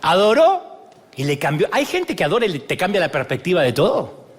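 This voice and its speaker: A man's voice: high voice, huge pitch swings, fairly quick, slightly rough. A middle-aged man with an Argentine accent preaching a humorous sermon to a live congregation, mimicking church members and joking with the crowd. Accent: Argentine Spanish.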